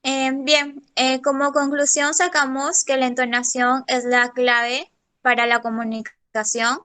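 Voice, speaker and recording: A woman student reading a class presentation in a plain, steady way, with a few fillers. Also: high-pitched, measured pace, smooth.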